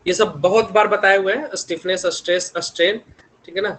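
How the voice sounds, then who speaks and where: High-pitched young male lecturer a lilt, chatty teaching tone full of check-ins and homely examples. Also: steady tone, fairly quick, a bit bright. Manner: repeats tag questions constantly, homely examples. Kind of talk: online engineering lecture.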